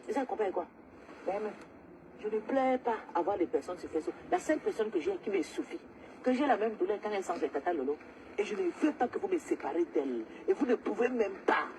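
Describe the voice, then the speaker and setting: A woman's voice: mid-range voice, big pitch swings, fast talker, background noise. A woman, ranting angrily and repetitively during a live stream. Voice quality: agitated, loud, repetitive ranting. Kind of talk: angry social media livestream rant.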